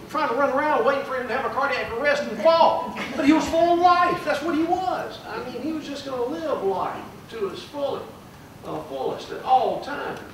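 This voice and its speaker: A man's voice: extremely high pitch, distant mic, a little hiss or hum. An older man, a judge giving a folksy memorial speech with many fillers. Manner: folksy, warm storytelling with fillers. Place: large room at a plaque dedication. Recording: echoey room, mic from afar.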